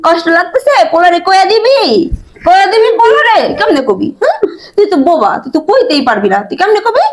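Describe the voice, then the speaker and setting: A woman's voice: high voice, fast talker, lightly acted. A young woman, playing a scheming, cruel wife who taunts her old father-in-law. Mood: sneering. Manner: sneering, taunting. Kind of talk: melodramatic short-film acting.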